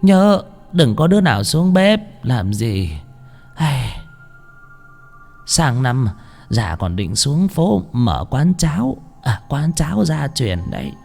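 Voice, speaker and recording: A man voicing a hunched, wrinkled old woman who talks haltingly and quaveringly, with drawn-out filler sounds. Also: medium pitch, very animated, a little mellow, soft background music, voice pushed up, full character voice. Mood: insistent. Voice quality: quavering and breathy.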